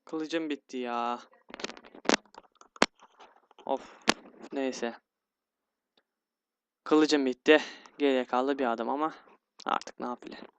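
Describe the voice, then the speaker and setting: A man's voice: mid-range voice, fairly even intonation, takes it slowly, long pauses, slight background noise. Frustrated young Turkish-speaking man gaming. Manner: grumbling and easily frustrated, with sighs and yelps. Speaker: gaming YouTuber. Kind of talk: let's play commentary.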